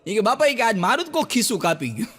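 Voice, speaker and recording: A man tells jokes on stage. His voice sits high, and he acts out each character in his stories. The sound rings with the long reverb of a large hall. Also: very fast, slightly rough, faint music behind. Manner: animated storyteller, acts out quoted characters with jumps in pitch. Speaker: stand-up joke teller. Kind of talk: Gujarati folk joke telling to a live audience. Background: audience laughter.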